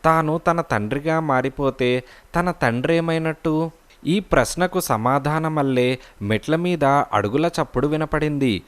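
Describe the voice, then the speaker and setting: A man narrating a storybook audiobook in a measured storytelling manner. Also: a little high, clear, resonant tone.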